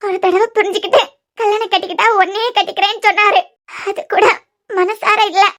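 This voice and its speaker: A woman's voice: fairly even intonation, fairly quick, fairly bright tone. A woman voicing a heartbroken, scheming young woman in a cartoon serial. She speaks with a Kanyakumari Tamil accent and sounds tearful and self-pitying. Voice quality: very high-pitched.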